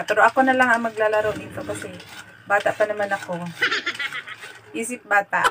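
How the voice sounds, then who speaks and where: A woman's voice: mid-range voice, noisy background. A woman, vlogging casually from her living room and talking straight to the camera with little giggles. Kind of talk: casual vlog narration. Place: home living room, indoors. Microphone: phone camera at arm's length.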